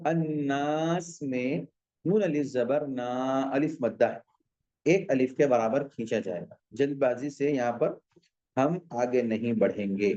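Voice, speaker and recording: A man teaching Quran recitation, modelling drawn-out words and then patiently explaining common mistakes. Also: medium pitch, mellow, highs cut off. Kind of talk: slow tajweed lesson.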